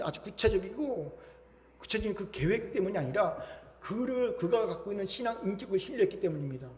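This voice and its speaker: A male pastor with a fairly high voice preaches in a storytelling way, pressing his points with growing emphasis. His voice rings through a church sanctuary, with a long, roomy reverb behind every phrase. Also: darkish tone. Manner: storytelling, emphatic, rising with feeling. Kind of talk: sermon. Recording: echoey church hall reverb.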